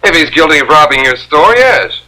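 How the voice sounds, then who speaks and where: An actor playing a tough, hot-tempered police lieutenant, speaking in a blunt, hard-edged way, heard through the sound of a 1950s TV broadcast with a music bed. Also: male voice, on the high side, very animated, a little fast, crowd noise, poor audio. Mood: stern.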